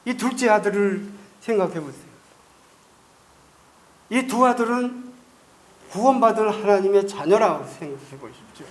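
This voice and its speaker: A man's voice: sits high, expressive, moderate pace, pauses often. A male pastor preaching a Sunday sermon in a church, putting rhetorical questions to the congregation. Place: church sanctuary.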